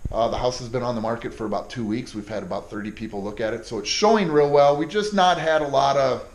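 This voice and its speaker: A man's voice: mid-range voice, quick pace. A man chatting casually to his viewers in a rambling, profane way, easily irritated. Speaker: car vlogger. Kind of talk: casual vlog chat. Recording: echoey room.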